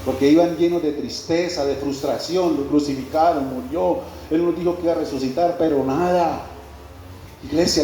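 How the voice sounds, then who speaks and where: A man's voice: a little high, dark tone. A male pastor preaching a sermon in a church hall, repeating his phrases and putting pointed questions to the congregation. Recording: very echoey church hall, faint background noise.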